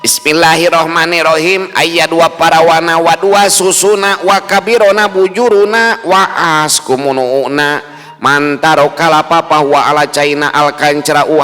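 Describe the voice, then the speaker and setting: A man's voice: high voice, big pitch swings, measured pace, pushed and bright, pitched above the performer's own voice, full character voice. A man voicing a bewildered village man lost near a haunted tree, muttering to himself and chanting spells. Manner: fretful, muttering to himself, then chanting incantations. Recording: long reverb with faint music.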